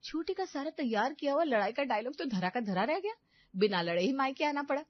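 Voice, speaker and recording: Expressive woman storyteller, dull dry sound. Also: high-pitched, a little fast, no echo. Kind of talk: dramatic story narration.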